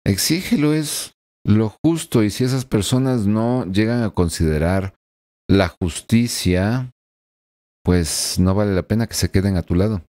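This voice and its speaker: Seated before a desk microphone in a small home room full of plants and blinds, a man gives his weekly horoscope tarot reading. His voice is low and mellow, his pace a little slow, and he talks straight to the listener with earnest sincerity and plenty of tag questions.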